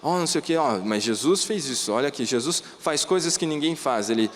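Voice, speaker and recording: A man preaching a sermon, telling stories in plain, animated, conversational words. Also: medium pitch, fairly quick, big-room sound. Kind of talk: storytelling sermon. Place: church.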